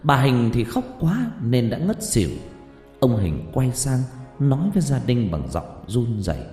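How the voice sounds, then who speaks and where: A man narrating a ghost story in a dramatic, expressive storytelling manner. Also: medium pitch, a little slow. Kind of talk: scripted narration. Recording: roomy reverb with music.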